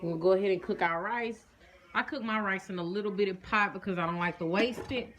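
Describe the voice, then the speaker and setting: Indoors at home, a mother who runs a family vlog speaks briskly in a mid-range, fairly bright voice. She chats in a folksy, casual way, calling her viewers y'all and guys.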